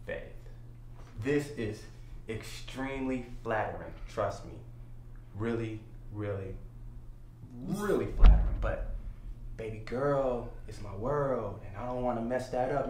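A man acting a cocky young boyfriend in a comedy sketch, boastful with loud theatrical outbursts. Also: medium pitch, measured pace, long pauses, close to an everyday voice. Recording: echoey room with faint noise.

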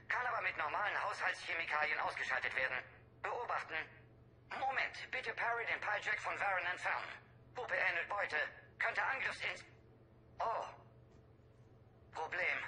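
An actor playing a brisk alien male scientist in a video game dub, talking in terse clipped fragments. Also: high-pitched, bright, forceful tone, far from the mic, slight background noise, heavily acted. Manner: terse clipped telegram-style sentences.

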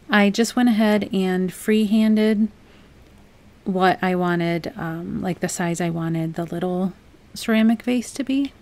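A young adult woman hosting a home crafts channel, talking through a project in a relaxed, chatty voice-over with frequent "um"s. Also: medium pitch. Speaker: DIY crafts channel host. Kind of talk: casual voice-over tutorial.

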